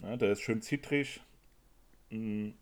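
Casual male co-host, low-pitched, chatty and quick to laugh. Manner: chatty, animated, laughs often while sniffing samples. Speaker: perfume reviewer co-host. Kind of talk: casual chat.

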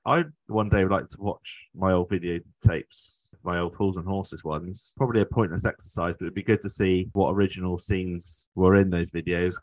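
A man's voice: sits low, no echo, poor audio. A British man hosting a podcast, chatting casually in a rambling, conversational way. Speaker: podcast host. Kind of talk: casual chat.

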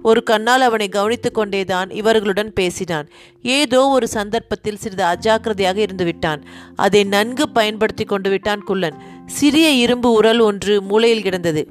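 A woman reading a story aloud in a steady, expressive voice. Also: medium pitch. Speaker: narrator. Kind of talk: storybook narration.

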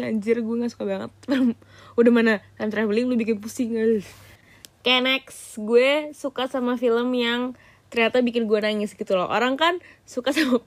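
A woman's voice: fairly high pitch, no echo. A woman hosting a solo podcast, chatting in a slangy, gushing way with lots of fillers. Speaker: podcast host. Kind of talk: casual solo podcast chat.

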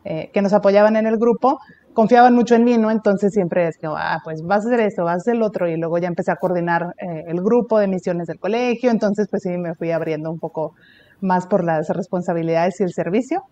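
A religious sister with a Mexican Spanish accent chats casually as an interview guest, laughing easily and using lots of fillers. Her voice is lowish and warm, and she talks briskly. The recording sounds muffled.

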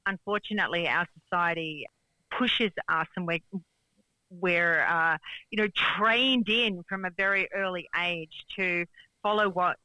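Bright-voiced woman guest, earnest. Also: fairly low pitch, measured pace, poor audio. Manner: earnest, reflective, with small laughs. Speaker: guest, coach. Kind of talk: radio interview.

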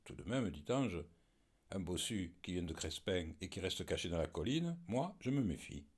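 Wary distrustful villager, voiced by a man, suspicious tone, low husky voice. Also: very animated, moderate pace, heavily acted.

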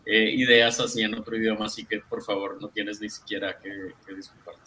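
A man's voice: fairly low pitch, level tone, a little fast, a crowd in the background, low-quality recording. A man moderating a literary discussion, speaking discursively and rephrasing his questions as he goes. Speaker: panel moderator.

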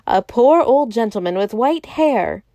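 A woman's voice: a little high, animated, warm tone, no room sound, studio quality. A woman voicing a breathless plainclothes man speaking in a hurry. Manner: breathless, hurried.

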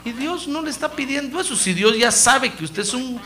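Un hombre que predica un sermón con mucha energía y representa diálogos con voces distintas. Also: male voice, very high-pitched, normal speed. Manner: lively, animated preaching that acts out dialogues. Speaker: preacher. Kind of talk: sermon.

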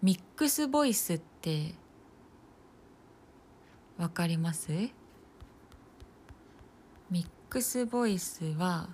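A young woman in her twenties talking casually and alone in a slightly low voice. She muses loosely as she goes, trailing off into fillers and small laughs. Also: expressive, slow pace, long pauses, a little hiss or hum. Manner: musing, loose and chatty, with soft laughs and frequent fillers. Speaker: nursing student podcaster. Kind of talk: casual solo talk.

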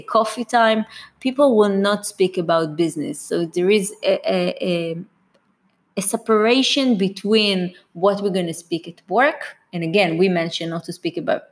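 A woman, middle-aged, speaks at an ordinary mid-range pitch. She talks as an interview guest, explaining earnestly and often restarting or repeating words as she works through a point. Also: a little slow. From Israel. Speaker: cross-cultural business consultant, guest.

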